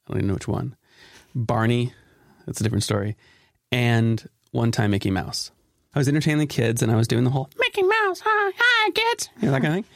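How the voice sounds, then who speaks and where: A middle-aged man hosting a casual podcast chat, playful and quick to laugh, close to the mic. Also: mid-range voice, creaky, darkish tone, dry recording. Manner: playful, laughs often, teasing. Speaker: podcast host. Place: at home, late at night.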